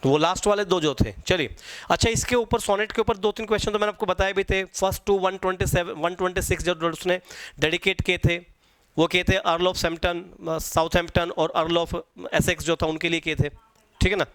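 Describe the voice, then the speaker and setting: A man's voice: high voice, fairly even intonation, moderate pace, fairly bright tone, clear, resonant tone, dry recording. A man teaching an exam-prep lecture. He repeats key points and quizzes his students.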